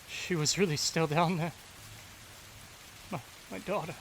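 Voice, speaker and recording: A man voicing a grief-stricken father who pleads and then shouts in anguish. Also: a little high, noisy background, pitched above the performer's own voice. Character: grieving desperate father, man.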